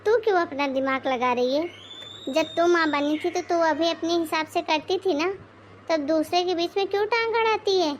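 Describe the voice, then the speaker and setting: A woman voicing a bossy, sarcastic mother-in-law in her forties in an animated moral story, scolding and mocking. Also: very high voice, moderate pace, lo-fi sound, slight background noise. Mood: angry.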